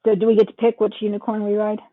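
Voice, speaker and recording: A woman's voice: medium pitch, monotone, racing, no room sound. A woman chatting casually as a player in a tabletop fantasy game, tentative and repeating words. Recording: muffled, phone-like narrow band.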